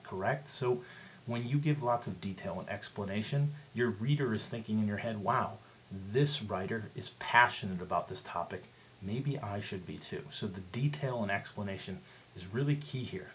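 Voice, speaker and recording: A man's voice: on the low side, a little hiss or hum. A male teacher giving a casual, step-by-step writing lesson that leans on rhetorical questions. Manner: conversational, explanatory, asks rhetorical questions. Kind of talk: instructional screencast lesson.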